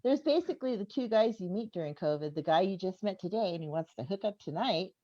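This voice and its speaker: A woman in her fifties does stand-up comedy, chatting conversationally with the audience and often chuckling at her own jokes. Her medium-pitched voice is mellow, animated and fast, captured in a dull, echoey live venue recording.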